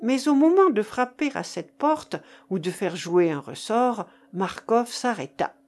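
Slow-reading woman narrator. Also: on the high side, very animated, a little mellow. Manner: measured storytelling. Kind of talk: audiobook narration.

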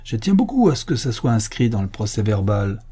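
A man's voice: on the low side, very animated, a little fast, dark tone, breathy edge. A man voicing a brawling, boastful bandit who roars his defiance at the police. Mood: defiant roaring. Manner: roaring, defiant.

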